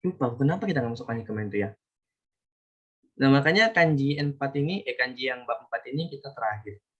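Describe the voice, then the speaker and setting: A man from Indonesia teaching a relaxed online Japanese class, chatty and often correcting himself as he talks. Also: mid-range voice, quick pace, dull audio. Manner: chatty, self-correcting, talks to students directly. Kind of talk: casual online class lesson.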